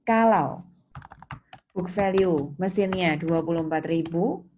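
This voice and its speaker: Taking things slowly in a fairly low, mellow voice, an Indonesian-accented woman teaches accounting. Her lecture is interactive, with didactic explanations and questions for students, and the recording is noisy with typing and keyboard clicks.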